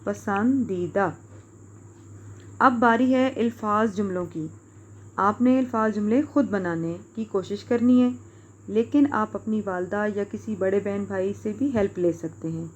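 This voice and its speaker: A female teacher with a Pakistani Urdu accent records a lesson for young pupils, speaking clearly and patiently as she spells words out letter by letter. Her voice is mid-range and the recording sounds muffled.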